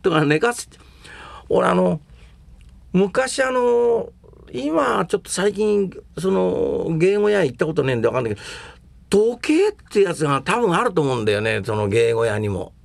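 An older man talking casually and at length about comedy and performing arts, rambling and opinionated, with rough colloquial speech. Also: high-pitched, big pitch swings, normal speed, no echo.

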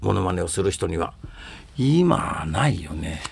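An older man talking casually and at length about comedy and performing arts, rambling and opinionated, with rough colloquial speech. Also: low voice, big pitch swings, measured pace, slight background noise.

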